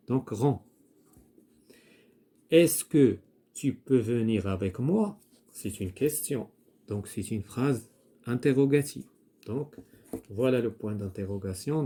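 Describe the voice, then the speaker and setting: Male schoolteacher, slow repetitive explainer, warm low-key tone. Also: husky. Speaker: teacher. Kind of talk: primary-school grammar lesson, writing on a board.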